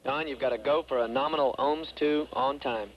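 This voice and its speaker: A man's voice: medium pitch, steady tone, moderate pace. Male capsule communicator on noisy radio. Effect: radio transmission. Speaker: capsule communicator in mission control. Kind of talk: astronaut radio calls, procedural instructions. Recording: dull radio link with clear noise.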